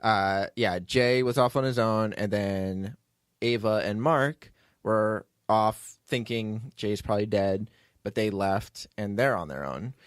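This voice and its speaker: Talking slowly in a fairly low, clean voice, a man hosts a relaxed podcast giving a behind-the-scenes look at his audio drama, which he writes and produces. He wanders off on tangents, cracks jokes, and teases himself. It's a studio-quality recording with no echo.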